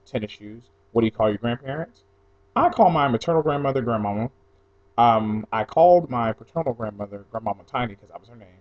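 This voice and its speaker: This blogger's voice is medium-pitched and a little mellow. Originally from New Jersey but raised mostly in Atlanta, the young man chats offhandedly while going through a questionnaire for an audio post, wandering into tangents; the home recording is lo-fi and slightly dull.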